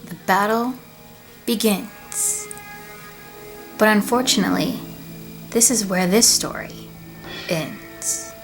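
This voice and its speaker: Slow, soft-spoken woman storyteller. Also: medium pitch, soft background music. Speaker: storyteller and video creator.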